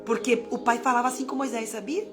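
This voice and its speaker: A woman's voice: on the high side, little pitch movement, fast, music in the background. A woman giving a daily devotional in a fervent, conversational way, acting out prayers to God. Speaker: preacher. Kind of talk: live-streamed daily devotional.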